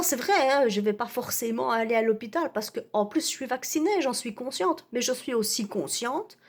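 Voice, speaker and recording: A woman's voice: fairly high pitch, vocal fry, breathy edge, full character voice. A woman playing an indignant, self-righteous vaccinated woman in an ironic rant, full of hesitations and tag words. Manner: hesitant, full of "euh" and "hein". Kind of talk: ironic satirical rant to camera.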